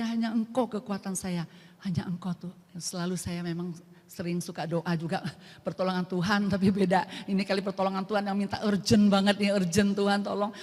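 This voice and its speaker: An older woman tells a heartfelt faith testimony in an earnest, emotional way, sometimes soft and sometimes emphatic. Her voice sits at an ordinary middle pitch. A long echo from the church hall trails behind her words. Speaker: testimony speaker at a church prayer group. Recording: echoey hall with long reverb.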